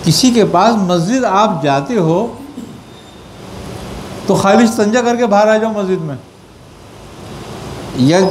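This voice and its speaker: A man's voice: sits high, a little hiss or hum. A man from Pakistan giving religious teaching to a gathering, answering questions and often asking whether his point was understood. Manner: checks understanding with rhetorical questions. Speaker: spiritual teacher.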